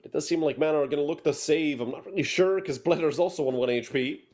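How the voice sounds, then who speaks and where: Energetic male esports caster. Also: fairly high pitch. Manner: energetic, quick reactions with dry asides. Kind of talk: solo play-by-play commentary.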